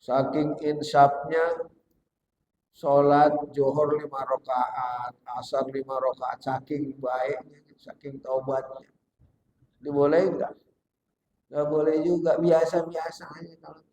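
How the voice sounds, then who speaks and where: A man's voice: fairly high pitch, level tone, slow pace, a little mellow, slight background noise. A man preaching a sermon, mixing jokey everyday examples and slang with quoted Arabic. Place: gathering hall. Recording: roomy hall with faint ambience.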